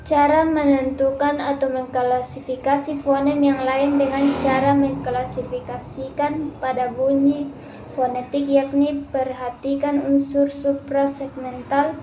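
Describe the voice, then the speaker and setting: A woman's voice: high voice, dark tone. Young woman, echoey class presentation. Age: young adult. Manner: reads material steadily, spelling out example words. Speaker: student presenter. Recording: echoey room with faint hiss.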